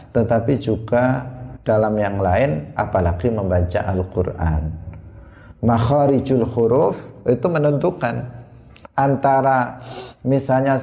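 A man teaching a religious study lesson, explaining patiently with repeated examples and slowing to spell out Arabic sounds. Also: medium pitch, vocal fry, a little mellow. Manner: slows down to spell out Arabic pronunciations. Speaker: Islamic teacher.

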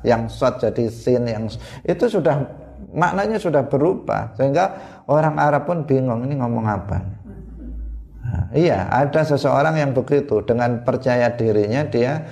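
Gravelly religious teacher. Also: male voice, medium pitch, darkish tone. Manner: patient explaining with repeated examples and "nah" asides; slows down to spell out Arabic pronunciations. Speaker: Islamic teacher. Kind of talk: religious study lesson on a classical text.

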